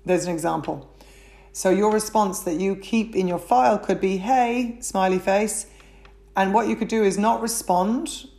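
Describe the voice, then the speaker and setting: A woman giving casual business advice to personal trainers, acting out what clients say in a livelier, higher voice. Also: moderate pace, vocal fry. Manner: animated, acts out client quotes in a higher voice. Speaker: fitness business coach.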